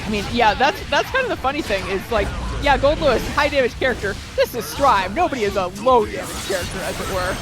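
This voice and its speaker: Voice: mid-range voice, expressive, a little fast, few pauses, over music, rough recording. A chatty co-commentator giving casual color commentary on a fighting-game match, often laughing. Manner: chatty, laughs easily, says "like" and "you know". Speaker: tournament co-commentator.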